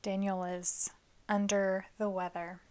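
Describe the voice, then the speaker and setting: A woman's voice: medium pitch, level tone, slow pace, a little mellow, clear, resonant tone. Chatty, playful woman hosting a podcast. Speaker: podcast host. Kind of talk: casual chat.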